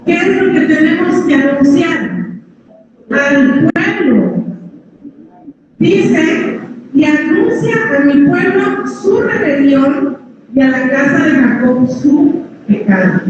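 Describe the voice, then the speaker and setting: A woman with a big, strong voice preaching a sermon, often dropping low to address her listeners as brothers. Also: expressive, slow. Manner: addresses listeners as brothers, drops pitch on each "hermanos". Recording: echoey hall, from far off, dull sound, noisy.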